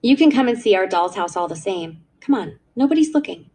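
A woman reading aloud, voicing a kind little girl who gently coaxes two shy children. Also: medium pitch, animated, brisk, husky. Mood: coaxing. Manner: gentle, coaxing.

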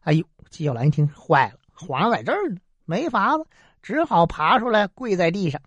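A woman narrating a traditional story in a lively, chatty way, with asides to the listener. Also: lowish voice, brisk, slightly rough, dry recording.

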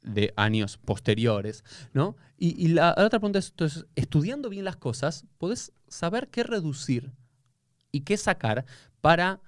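A man with an Argentine Spanish accent, a rabbi talking in a casual conversation, explaining with animated restarts. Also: fairly high pitch, a little slow, dry recording, studio quality.

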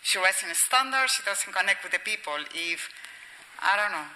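A woman whose first language is Spanish interviews a guest, her voice very bright and at a middle pitch. She rambles and searches for words as she talks. Her voice carries a long hall reverb. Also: lively intonation, a little fast. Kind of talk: conversational interview.

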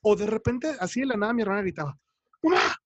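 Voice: medium pitch, racing, dry recording, muffled recording. A speaker with a Mexican Spanish accent, telling crude, slangy anecdotes in a casual chat.

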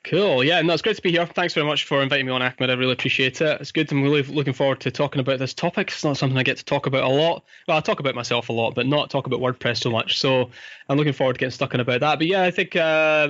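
A man with a Fife accent from the east of Scotland talks casually as a podcast guest. His voice is mid-pitched and bright, with a forward edge. The recording is dry and a little dull, like a remote call. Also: no room sound. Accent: Fife Scottish. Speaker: podcast guest, business owner. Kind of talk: casual interview talk.

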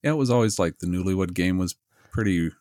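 Low-voiced man telling stories with a laugh. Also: a little fast, darkish tone, dry recording, studio quality. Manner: enthusiastic storyteller, laughs mid-sentence. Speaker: podcast co-host. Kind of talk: casual chat.

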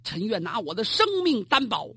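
Storyteller doing a general guy begging the emperor for mercy, husky, pleading. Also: mid-range voice, big pitch swings, normal speed, dry recording, studio quality, heavily acted. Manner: pleading, shouting.

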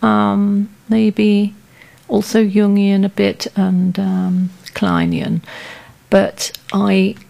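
A woman's voice: medium pitch, expressive, very slow, creaky, warm tone. A woman sculptor answering questions in a radio studio interview, speaking hesitantly with many fillers as she thinks aloud.

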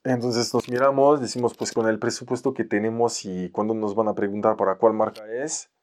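A young man from France with a French accent, a photographer telling an animated story in a podcast conversation and mixing in Mexican slang. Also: lowish voice, brisk. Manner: animated, playfully acts out other people's lines in raised voices, uses Mexican slang. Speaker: photographer guest.

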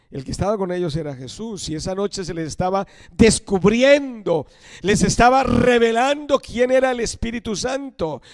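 Older guy preaching, high voice, emphatic, slows down and goes quiet on the big lines, dry sound. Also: no room sound. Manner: emphatic, slows and drops to a hush on key phrases. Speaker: missionary preacher. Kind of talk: sermon.

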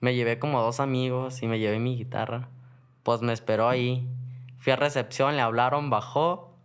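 Smooth-voiced Mexican man, slangy storyteller. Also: medium pitch, normal speed. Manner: slangy, relaxed, rambling. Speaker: guest. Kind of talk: casual storytelling.

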